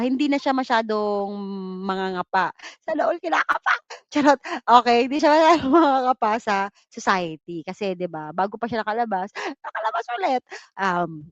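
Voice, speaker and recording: A woman from the Philippines giving a live online review lecture, mixing English terms into her talk and tossing in teasing jokes and quick "just kidding" asides. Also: mid-range voice, no room sound, muffled recording. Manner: playful, cracks teasing jokes and "charot" asides; mixes English terms into Tagalog. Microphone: computer mic on a livestream.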